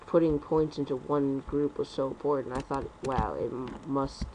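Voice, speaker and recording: A young man rambling through casual gameplay commentary at home on a computer mic, talking fast and correcting himself. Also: medium pitch, a little mellow, a little hiss or hum, low-quality recording. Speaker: gaming commentator.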